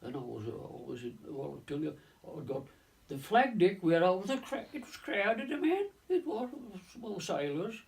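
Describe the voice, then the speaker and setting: In this oral history, a ninety-something navy veteran tells of his wartime service in a high, gravelly, very animated voice. His speech is halting, full of restarts and repeated words plus stock phrases such as "of course" and "lo and behold." The mic is some distance from him.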